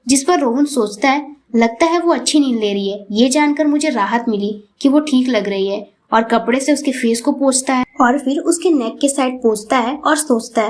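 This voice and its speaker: A woman narrating a romance comic recap in a casual, chatty storytelling manner. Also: fairly high pitch.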